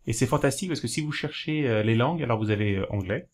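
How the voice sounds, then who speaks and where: A man of ordinary pitch from France chats to his viewers in a loose, unscripted way. He wanders, restarts his sentences and fills pauses with hesitations. When he spells something out, he slows right down and takes it step by step. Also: expressive. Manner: rambling, hesitant, many fillers and self-corrections; explains slowly, spelling things out while writing. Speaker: video host giving learning tips. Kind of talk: casual talk to camera.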